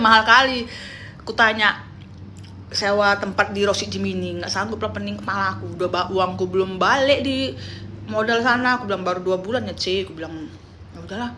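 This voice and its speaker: A young woman chatting on a phone livestream, telling animated stories and quoting her friends. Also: mid-range voice, a little hiss or hum. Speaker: live streamer. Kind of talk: casual livestream chat.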